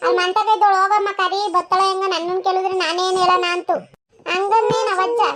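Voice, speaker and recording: A woman's voice: extremely high pitch, fairly even intonation, fast talker, very noisy. A woman doing a forgetful village grandmother. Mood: grumbling. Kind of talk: cartoon voice acting.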